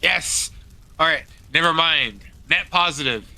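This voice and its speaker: A man playing a tabletop game talks in an unhurried, good-natured way, drawing his words out slowly. His voice is very bright and sharp-edged. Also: a little high, lively intonation, gravelly. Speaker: player. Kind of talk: casual tabletop gaming chat.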